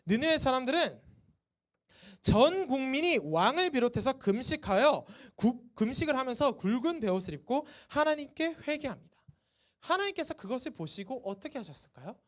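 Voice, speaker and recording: Lively woman preaching to teens. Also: high voice, moderate pace. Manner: lively, asks the students questions and answers them. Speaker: youth group teacher. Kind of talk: sermon to teenagers. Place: church service.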